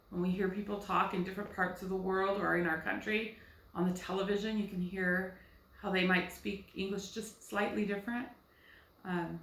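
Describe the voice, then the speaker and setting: An American woman teaches young children in a clear, bright voice, patiently explaining and posing questions she then answers herself. She sounds a little distant from the mic, in an echoey room. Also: mid-range voice. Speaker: first grade teacher. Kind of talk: recorded phonics lesson for children.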